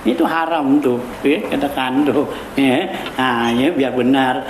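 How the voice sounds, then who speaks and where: A man's voice: mid-range voice, steady tone, measured pace. A man giving an informal religious study lecture, talking casually with many fillers and chuckles. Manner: casual, repetitive fillers, chuckles while teaching. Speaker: cleric teaching a weekly religious study circle. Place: prayer hall. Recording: echoey hall with background noise.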